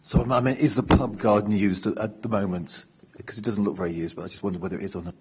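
A middle-aged man asks questions informally at a council meeting. His voice is fairly low and very husky, caught on a desk microphone. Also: fairly even intonation, fast talker, a little mellow. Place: council meeting chamber, indoors. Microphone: gooseneck desk microphone.

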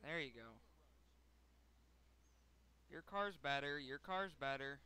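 A young man reacting live to a race as channel host, excitable and swearing as he pleads with the drivers. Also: medium pitch, slow, smooth.

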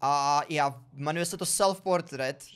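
A man giving excitable, exclamatory let's play commentary while talking to his viewers. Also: fairly high pitch, clean tone. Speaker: gaming video creator. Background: faint background music.

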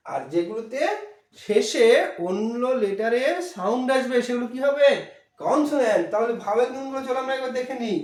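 A man giving a mock demo lesson to young children, coaxing them along and asking questions he then answers himself. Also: very high voice. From Bangladesh. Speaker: teacher. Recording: echoey room, mic at a distance.

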